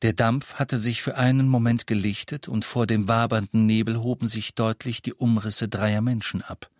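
A man reading an audiobook in an even, measured storytelling voice. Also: lowish voice, no echo, clean studio sound. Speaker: audiobook narrator. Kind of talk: audiobook narration.

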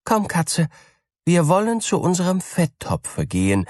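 A man's voice: high-pitched, wildly swooping pitch, unhurried, darkish tone, no echo, clean studio sound, pitched above the performer's own voice, heavily acted. A man voicing a poor, trusting female mouse in a fairy tale, fretful and easily puzzled.

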